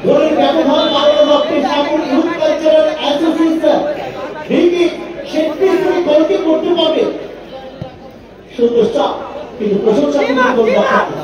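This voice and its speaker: A man's voice: extremely high pitch, moderate pace, long pauses. A man announcing and commentating on a football match over a public-address system. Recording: dull, very echoey distant loudspeaker, crowd noise.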